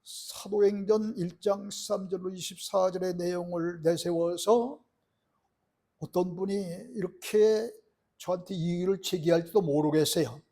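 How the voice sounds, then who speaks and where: Middle-aged male pastor, earnest sermon delivery, high husky voice. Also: fairly even intonation, measured pace, dark tone. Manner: earnest preaching with rhetorical questions to the congregation.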